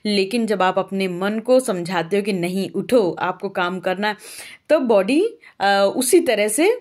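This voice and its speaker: A young woman from Uttar Pradesh talks through her household chores in a rambling, homely vlog voice. She talks on easily and often stops on small filler sounds, keeping her pitch in the middle range for a woman. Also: a little slow, darkish tone. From Uttar Pradesh, India. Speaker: vlogger. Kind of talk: casual chatty vlog narration.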